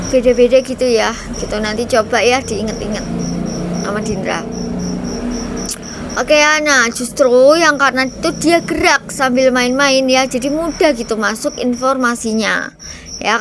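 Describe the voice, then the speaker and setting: High-voiced chatty woman channel host. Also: fairly bright tone, a little hiss or hum. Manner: chatty, refers to herself by name. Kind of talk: casual commentary.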